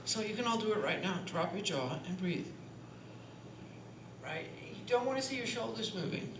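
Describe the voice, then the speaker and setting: A woman's voice: mid-range voice, moderate pace. A woman who is a singer and voice teacher, talking on a panel and demonstrating breathing in a chatty, demonstrative way, often asking "right?". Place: performance hall. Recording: echoey hall with steady noise.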